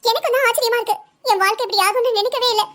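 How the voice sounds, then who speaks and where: A woman's voice: extremely high pitch, very fast, fairly bright tone. A woman voicing a young pregnant wife in a Tamil cartoon drama, speaking with biting sarcasm. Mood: hurt. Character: young pregnant wife, bitter and sharp-tongued.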